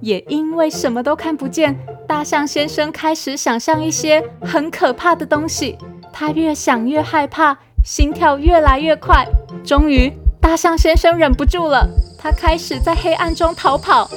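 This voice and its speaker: A woman host reading a picture book aloud to children, in a gentle, coaxing manner. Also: high voice, fairly even intonation, normal speed, over music. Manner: gentle, coaxing, addressing kids.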